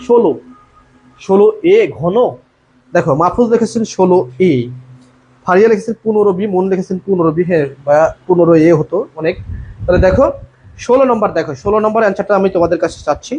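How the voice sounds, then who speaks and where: Calling his students "bhaiya," a male admission tutor reads their comment answers aloud during a live online class and asks everyone to weigh in. He speaks in a high, slightly mellow voice with some breathiness. Faint noise sits under the dull, lo-fi sound.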